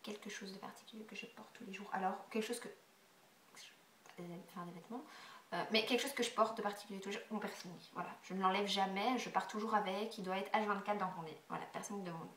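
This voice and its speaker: A woman's voice: medium pitch, fairly even intonation, quick pace, distant mic, a little hiss or hum. Stuffy-nosed young woman in an echoey room. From Belgium. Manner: chatty, hesitant, many fillers, drops to quiet asides. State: congested nose, stuffy breathing. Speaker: beauty vlogger. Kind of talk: casual Q&A tag video.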